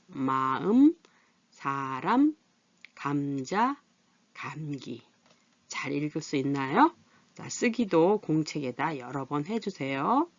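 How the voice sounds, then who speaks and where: A woman's voice: low voice, dry recording, lo-fi sound. A middle-aged woman teaching a patient adult literacy lesson. She asks questions and then answers them herself.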